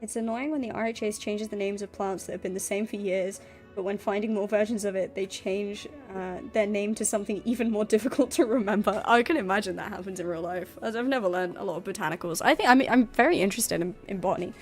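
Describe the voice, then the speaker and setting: A woman's voice: medium pitch, fast talker, soft background music. Giggly woman brainstorming aloud. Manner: giggly, thinks aloud with many restarts. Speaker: worldbuilding stream co-host. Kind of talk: casual brainstorming chat.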